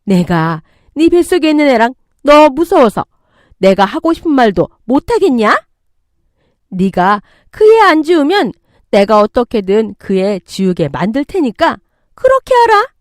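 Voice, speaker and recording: A woman's voice: on the high side, very animated, measured pace, dry recording, clean studio sound, voice pushed up. Woman voicing a scornful older mother-in-law. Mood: scornful scolding. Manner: loud, scolding, contemptuous. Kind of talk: storytelling radio reading.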